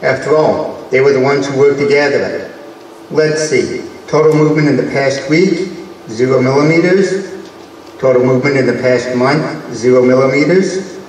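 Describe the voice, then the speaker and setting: A man's voice: mid-range voice, moderate pace, darkish tone, slight background noise, natural voice. A man playing a weary, wisecracking male space professor with dry, sardonic quips, performed live on a convention stage. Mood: chatty. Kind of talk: live stage radio-play acting. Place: large convention hall stage. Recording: echoey hall, distant mic.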